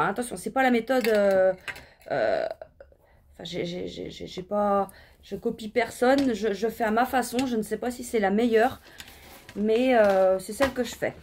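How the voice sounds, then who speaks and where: A woman's voice: medium pitch, a little mellow, slight background noise. A middle-aged woman chatting casually in a knitting vlog, rambling with lots of fillers and restarts. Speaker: knitting vlogger.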